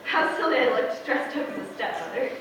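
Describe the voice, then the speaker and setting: A woman's voice: fairly high pitch, sing-song, brisk. A woman acting a proud, earnest, romantic young woman in a stage play, speaking formally and emphatically. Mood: flustered. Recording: echoey theatre, distant microphone, faint noise.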